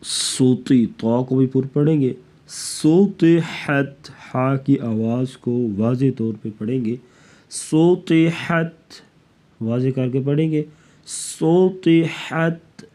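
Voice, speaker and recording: A man teaching Quran recitation rules, chanting verses slowly and melodically and then explaining each rule quickly. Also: mid-range voice, fairly even intonation, warm tone. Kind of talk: tajweed lesson, slow recitation between quick explanations.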